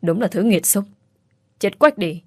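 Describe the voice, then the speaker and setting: A woman's voice: fairly low pitch, brisk, no room sound, clean studio sound, lightly acted. A woman voicing a spiteful young female rival who shrieks scornful accusations in a storybook reading. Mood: scornful, shrieking.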